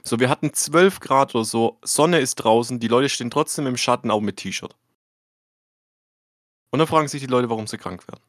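A podcast co-host chats casually, rambling through everyday stories and arguing over small details. His medium-pitched voice moves at normal speed, captured dry and clean in a studio.

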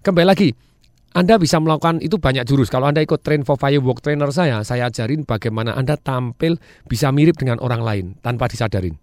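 A man's voice: mid-range voice, quick pace, darkish tone, no echo. A man, a sales trainer guest, talking energetically with frequent laughs and English phrases. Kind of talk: enthusiastic talk-show chat.

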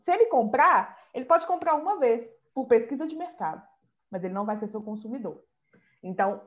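A woman in a casual conversation, speaking emphatically and repeating her key phrases. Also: mid-range voice. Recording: slightly dull, lo-fi sound.

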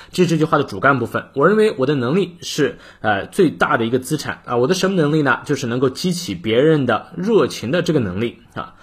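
Male English teacher, husky, lively intonation, explains then reads aloud slowly. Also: on the high side. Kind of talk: morning English reading lesson.

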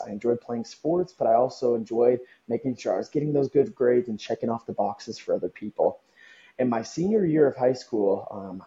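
A man's voice: mid-range voice, warm tone. A young man from Southern California, a podcast guest talking earnestly and reflectively with frequent ums. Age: young adult. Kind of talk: podcast interview. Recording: dull lo-fi audio.

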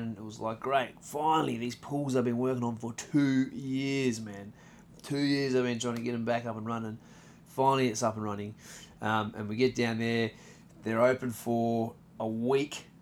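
An Australian man in his thirties rambles through a solo podcast, easygoing and profane, with lots of ums and uhs. His mid-pitched voice has a gravelly, fry-laced edge. A faint hiss sits under the recording. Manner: laid-back, profane, rambling with many fillers. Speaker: podcast host. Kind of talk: casual solo podcast rant.

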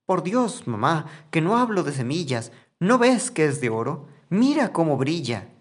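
A man's voice: a little high, sing-song, measured pace, voice pushed up. A man voicing a naive, boastful young boy in a rhymed storybook. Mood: pleading.

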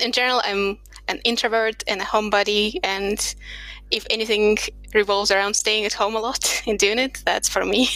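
Recorded at a home desk lined with books, this product designer from Russia talks through her career as a podcast guest in a reflective, chatty way, laughing lightly now and then in casual interview conversation. Her voice sits at medium pitch with a fairly bright tone. There's no echo, though the audio quality is poor.

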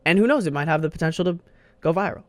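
A young man hosts his own podcast solo, rambling casually into a desk studio mic with heavy slang, lots of swearing and constant "bro"s. His voice sits on the high side, expressive and very fast, with no echo.

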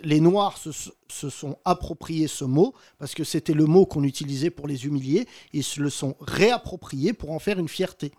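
A man hosting a casual talk show, telling stories with animated quoted voices. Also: fairly high pitch, normal speed, hardly any pauses. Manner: animated storytelling, acts out quotes. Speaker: host.

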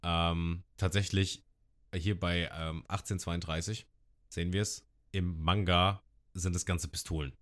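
A man's voice: sits low, a little slow. A man on a podcast, casually retelling an anime episode and acting out the characters' lines. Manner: lively retelling, acting out quotes with shouts.

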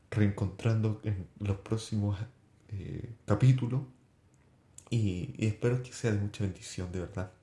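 Earnest man, low mellow voice. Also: roomy sound. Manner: earnest, halting with restarts. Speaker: podcast host. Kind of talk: personal faith testimony.

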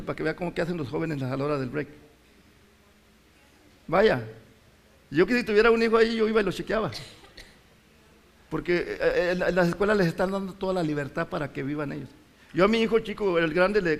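Middle-aged male pastor, high-pitched, impassioned sermon delivery. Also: gravelly. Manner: impassioned, rises to shouts and drops low.

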